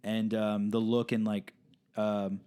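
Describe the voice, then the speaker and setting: A man's voice: fairly low pitch, little pitch movement, slow, mellow, clear, resonant tone. A man co-hosting a podcast, talking casually about films with many fillers and restarts. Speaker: podcast co-host. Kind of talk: casual film discussion.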